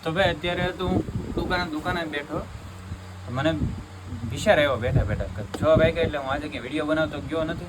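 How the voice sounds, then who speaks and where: A man vlogs in a quick, chatty way, talking to his viewers like a brother. His voice sits a little high, and he talks fast. Clear background noise runs under the recording. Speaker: family vlogger. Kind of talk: casual vlog chat. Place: outdoors, then a shop.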